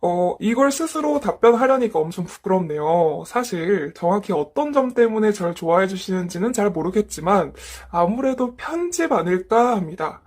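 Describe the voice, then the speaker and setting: A woman reading a guest's written interview answers aloud in a polite, measured way, her voice disguised by a voice changer. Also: medium pitch, animated, a little mellow.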